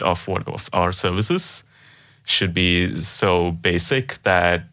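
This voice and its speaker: Deep and pushed-bright, the voice belongs to a man in his thirties from India who's guesting as a developer on a company podcast. He chats casually and hesitantly, restarting often, using many fillers and laughing a lot. Norwegian isn't his first language; an Indian language is.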